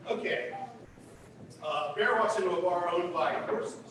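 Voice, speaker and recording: A man acting in a live stage comedy, delivering bar jokes in a drawn-out deadpan way, captured by a distant mic in an echoey theater. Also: high-pitched. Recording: echoey stage recorded from far off, hissy.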